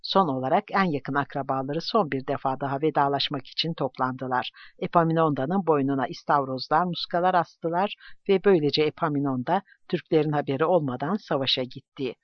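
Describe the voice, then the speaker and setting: Guy reading an audiobook, even measured pace, kinda muffled lo-fi recording. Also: fairly high pitch, no room sound. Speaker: audiobook narrator. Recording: dull lo-fi, dry recording.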